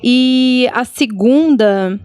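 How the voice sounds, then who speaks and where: A woman's voice: a little high, very slow, a little mellow, smooth, dry recording. A Brazilian woman on a podcast panel, speaking in an emphatic, conversational way. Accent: Brazilian Portuguese.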